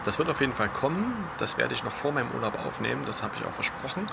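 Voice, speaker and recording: A young man chatting casually to his vlog viewers in a hushed undertone close to a whisper, outdoors on a balcony. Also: mid-range voice, animated, fast. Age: young adult. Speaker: gaming vlogger. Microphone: camera at arm's length. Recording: clear outdoor street noise.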